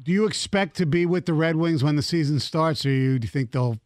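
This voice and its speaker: Radio co-host guy, kinda high voice, stop-start questions, dry close mic. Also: a little mellow, no echo. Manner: halting starts, restates questions. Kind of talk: radio interview.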